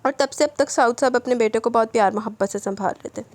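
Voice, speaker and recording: Audiobook narrator, woman, brisk steady read, dry booth. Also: fairly high pitch, no echo. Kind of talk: audiobook reading of a romance novel.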